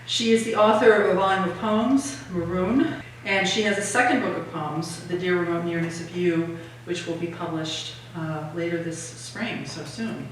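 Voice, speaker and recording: A woman's voice: on the low side, normal speed, hardly any pauses, a little hiss or hum. A woman host reading a prepared introduction of a guest speaker, with small fillers, in an art gallery. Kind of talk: read introduction. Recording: echoey gallery from far off.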